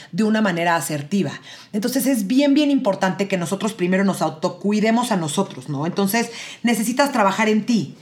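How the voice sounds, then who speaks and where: Woman, parenting educator, direct address, frequent tag questions. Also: medium pitch.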